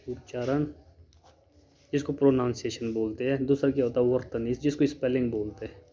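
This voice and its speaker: Male vlogger-teacher, mellow tone, patient and repetitive, light background noise. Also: medium pitch. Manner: explains slowly, spells words letter by letter, repeats himself. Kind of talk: casual vlog lesson.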